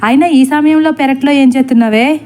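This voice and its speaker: A woman voicing a rough village servant man who shouts and stammers with fear. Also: high voice, fairly quick, pitched above the performer's own voice, close to an everyday voice. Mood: alarmed. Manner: loud, rustic, stammering when afraid. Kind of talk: storybook acting.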